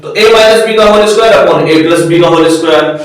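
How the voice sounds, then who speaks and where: A man teaching maths in an echoey room, heard from a distance. His voice sits slightly high for a man. He calls his students "beta" and spells formulas out slowly, piece by piece. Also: slight background noise. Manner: addresses students as "beta", slows right down to dictate formulas. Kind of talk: blackboard lesson, coaching tone.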